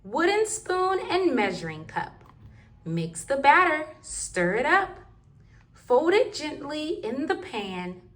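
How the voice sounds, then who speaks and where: A woman's voice: high voice, very animated, slow pace, a bit bright. A woman reading rhyming picture books aloud to toddlers in a sing-song, rhythmic way. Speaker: children's book reader.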